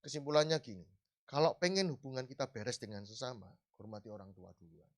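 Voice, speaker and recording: A man preaching a sermon in a church hall, conversational and lively, rising in emphasis. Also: medium pitch, fast talker.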